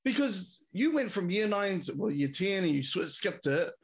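A man hosts a casual podcast interview. His voice sits high and swings widely as he asks questions, and he reacts eagerly to each answer. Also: sing-song, normal speed. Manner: eager, easily impressed interjections. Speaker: podcast host.

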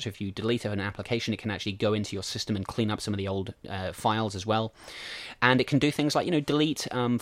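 A man's voice: lowish voice, no room sound. A man hosting a solo podcast, explaining things casually step by step. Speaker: podcast host.

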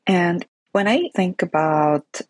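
A woman from Central Asia, a guest giving a measured, explanatory personal reflection. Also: on the low side, lively intonation, dry recording. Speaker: network member guest.

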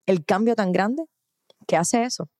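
A woman's voice: mid-range voice, unhurried, darkish tone, no echo, clean studio sound. A woman hosting a podcast, talking in an enthusiastic and encouraging way. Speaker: podcast host. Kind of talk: casual conversation.

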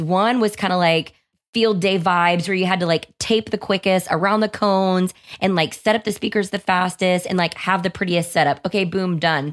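A young woman with a hoarse, somewhat low voice talks through her podcast in a loose, chatty way. She is upbeat and fills her sentences with "like". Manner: chatty, upbeat, says "like" often. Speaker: podcast host. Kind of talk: casual podcast monologue.

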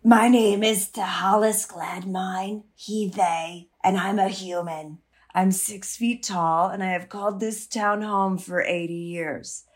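Hoarse, unhurried 80-year-old fantasy seer, nurturing and easily irked by noise, as an actress puts him on. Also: female voice, medium pitch, steady tone, natural voice. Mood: calm. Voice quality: hoarse, cold-like voice.

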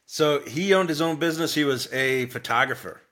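A man in his forties from Ohio, a sales coach guest, talking in a relaxed, easygoing way with halting fillers. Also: on the high side. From Ohio, USA. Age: 40s. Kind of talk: casual interview chat.

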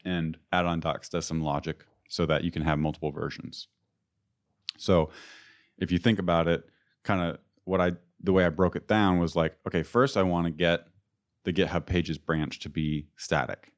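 Getting over an illness, this man talks through technical matters in a casual tech chat, much like a podcast co-host. His voice is strikingly low and deep, and his steady delivery stays informal and unhurried.

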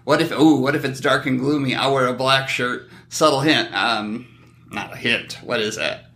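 Bright, forceful middle-aged man bantering. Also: mid-range voice, normal speed, echoey room. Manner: animated, joking, mock-defensive. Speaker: podcast host. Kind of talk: casual comedic banter.

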